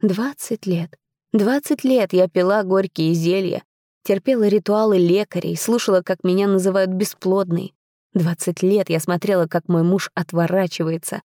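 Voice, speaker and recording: A woman narrating a first-person fantasy audiobook in a dramatic, measured storytelling manner. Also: medium pitch, fairly even intonation, mellow, no room sound, clean studio sound.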